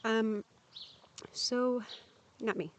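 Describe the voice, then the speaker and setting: Speaking extremely slowly in a steady, mid-range voice, this vlogger is heard over a slight hiss or hum. The candid talk to camera takes place at a campsite, where they share personal experience earnestly and plainly, with frequent restarts.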